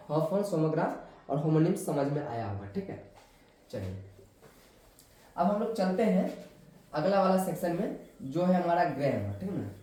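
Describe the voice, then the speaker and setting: Echoey, lively male teacher. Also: high voice. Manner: repeats "ठीक ना" often, asks and answers his own questions. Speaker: English teacher. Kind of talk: classroom lesson explaining grammar. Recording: very echoey room.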